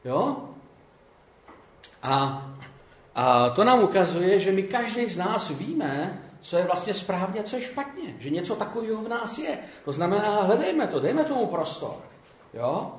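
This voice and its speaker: A man's voice: high voice, big pitch swings, reverberant. A man preaching a conversational sermon, often checking in with his listeners by asking "jo?".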